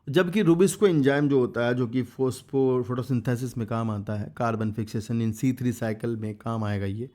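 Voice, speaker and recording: A man's voice: medium pitch, unhurried, hardly any pauses, warm tone. A man giving a casual exam revision biology lecture, reading textbook lines in English and explaining them in Hindi, urging students to remember key points. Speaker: biology teacher.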